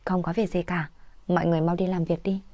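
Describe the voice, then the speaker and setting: A woman voicing a quiet, composed young woman who speaks in a reserved way. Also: lowish voice, level tone, fast talker, no room sound, natural voice. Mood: calm.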